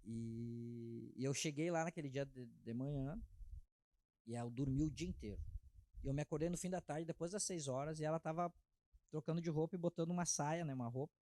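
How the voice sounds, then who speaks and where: A man, sharing his personal testimony as an interview guest in a heartfelt, halting way. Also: fairly high pitch, warm tone, dry recording. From Brazil. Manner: heartfelt, halting, frequent filler tags.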